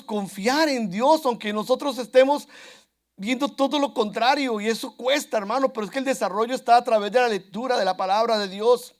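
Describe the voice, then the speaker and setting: Man, preacher, sermon, very high-pitched, earnest, repeats himself, talks straight to the congregation. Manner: earnest, repetitive, addresses congregation directly. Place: church.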